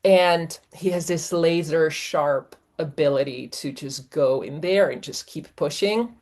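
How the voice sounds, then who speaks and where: Woman from czechoslovakia, guest on a podcast, slow and thoughtful, lowish voice. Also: darkish tone. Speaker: guest, executive coach and professor. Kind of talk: reflective interview talk.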